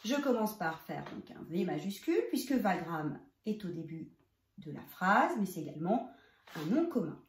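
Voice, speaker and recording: A woman with a fairly low, very animated voice, speaking at a moderate pace, leads a handwriting lesson for young children. She takes the child through each stroke of a letter, talking to them directly. There's a little hiss or hum, and the room is roomy and echoey.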